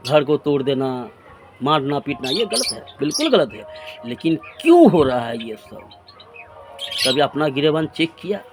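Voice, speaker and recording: A man's voice: fairly high pitch, slight background noise. A man in his forties delivering an earnest, reproachful religious sermon to his friends, piling up repeated phrases. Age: 40s. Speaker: preacher.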